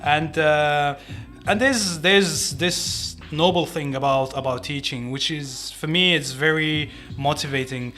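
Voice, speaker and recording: An English teacher with an Algerian accent answers interview questions as a podcast guest, conversational and explaining himself like a teacher. His fairly high voice is bright and forceful at a measured pace, with faint music behind.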